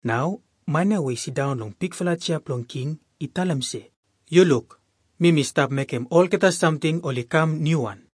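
A man's voice: on the high side, normal speed, darkish tone, slightly rough, no room sound, clean studio sound. A man with a Melanesian Pidgin accent, reading Bible verses aloud as a scripture reader.

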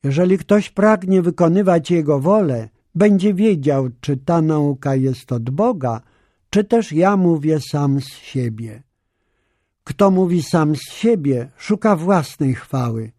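A man reading the words of Jesus as a calm teacher speaking with authority, in a measured, solemn scripture reading. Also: fairly high pitch, dry recording, clean studio sound.

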